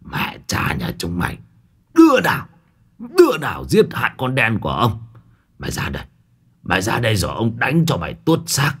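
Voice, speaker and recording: A man playing a coarse, hot-tempered old rich landlord who shouts and curses. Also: fairly low pitch, sing-song, normal speed. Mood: furious. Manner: shouting, cursing, wailing.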